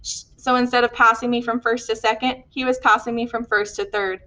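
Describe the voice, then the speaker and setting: A woman narrating an audiobook in a steady, earnest read. Her voice sits a little high for a woman. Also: a little fast, poor audio. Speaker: audiobook reader.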